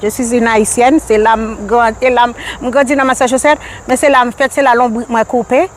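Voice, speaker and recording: An older woman from Haiti with a Haitian Creole accent, speaking as a community activist guest in a casual interview, earnest and repetitive, with halting phrasing. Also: on the high side, fairly even intonation, slight background noise.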